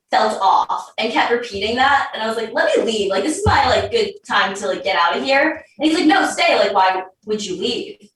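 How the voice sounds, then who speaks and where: A woman's voice: fairly high pitch, fairly bright tone. A young woman guest telling a story casually, full of "like" fillers. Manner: chatty, lots of "like" fillers. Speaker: podcast guest. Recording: roomy, distant mic.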